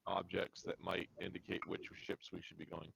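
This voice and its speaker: A man playing a tabletop game over a voice call, his voice coming through grainy, deep and raspy from a glitch that makes him sound like a demon. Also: monotone, a little fast, fairly bright tone. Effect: grainy glitching voice chat making him sound like a deep raspy demon. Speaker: player. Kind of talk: casual chat over voice call.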